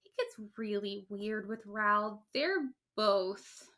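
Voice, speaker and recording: A woman co-hosting a casual podcast retells a story in a rambling way, full of fillers and acted-out quotes. Her mid-range voice is bright and forceful, with lively intonation and a slow pace.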